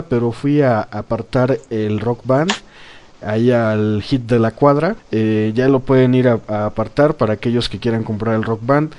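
A man hosting a podcast, chatting casually about games, animated and laughing often, with plenty of fillers. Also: mid-range voice, clean tone. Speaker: podcast host. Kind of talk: casual gaming chat.

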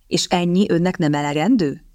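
A woman voicing a grumpy, sardonic young gentleman in an audiobook, slow and grumbling with a mocking edge. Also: on the low side, no room sound, clean studio sound, natural voice.

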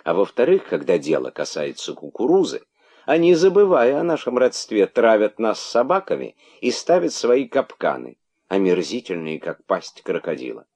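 A man voicing a mother monkey who talks in a stern, measured way. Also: on the low side, big pitch swings, darkish tone, slightly rough, voice pushed up, heavily acted. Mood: weary.

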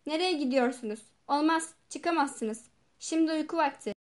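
A woman reading the part of a coarse male hospital guard who gives slow, curt orders in an audiobook. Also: high voice, lightly acted. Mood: stern.

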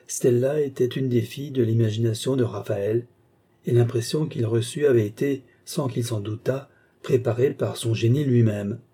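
Brief: male audiobook reader, very dark mellow voice, measured. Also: medium pitch, breathy edge. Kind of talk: novel narration.

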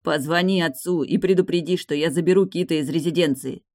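A woman reading an audiobook, voicing a tense, protective young man who presses his point forcefully. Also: sits low, a little fast, no room sound, clean studio sound. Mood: angry.

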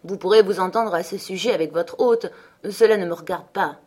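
A woman reading aloud voices a cold, sharp-tongued young woman of the house, speaking curtly. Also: medium pitch, brisk, close to an everyday voice. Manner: curt, cutting.

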